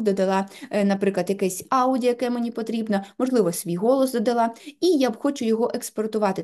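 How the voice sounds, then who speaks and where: A woman giving a patient, step-by-step software tutorial, leaning on filler words as she goes. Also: a little high.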